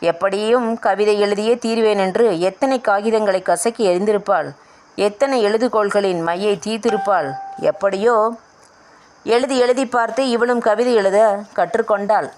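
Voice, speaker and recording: A woman's voice: medium pitch, moderate pace, a little mellow. Woman narrating a family audio novel. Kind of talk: storytelling narration with dialogue.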